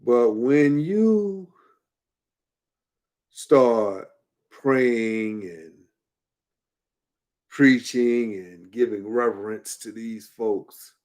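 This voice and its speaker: A man's voice: mid-range voice, a little mellow. A man giving casual spoken commentary, emphatic and colloquial, repeating points for effect. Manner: colloquial, drops verbs and uses double negatives.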